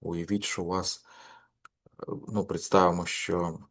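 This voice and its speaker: A man's voice: sits low, flat delivery, a little slow, a bit bright. A man giving a course lecture, hesitant, with many fillers and restarts.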